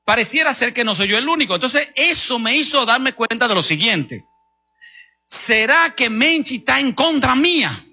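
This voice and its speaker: A middle-aged man from the Dominican Republic preaches in a Dominican accent, his voice pitched high with a very sharp, forceful punch. A husky grain runs through his delivery. He tells humorous stories and speaks straight to his congregation. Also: sing-song, normal speed, faint music behind. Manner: humorous, storytelling, addressing the congregation directly. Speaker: pastor. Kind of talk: sermon.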